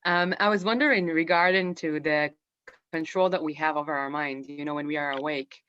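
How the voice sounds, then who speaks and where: A woman asking a question over a video call, halting and searching for words as her bad connection breaks up. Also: low-pitched, steady tone, fairly bright tone, smooth. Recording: dull lo-fi dry call audio.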